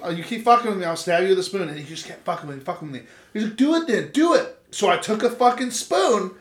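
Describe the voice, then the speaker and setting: A man's voice: high-pitched, sing-song, fast talker, fairly bright tone. A man co-hosting a casual podcast chat, telling crude stories with lots of swearing and laughter. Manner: crude, profane, laughing storyteller. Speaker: podcast co-host. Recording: echoey room.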